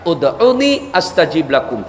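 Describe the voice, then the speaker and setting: A male preacher giving a sermon in an animated, storytelling manner, often addressing his listeners directly. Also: a little high, measured pace, a little hiss or hum. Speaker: Islamic preacher. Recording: echoey hall, faint ambience.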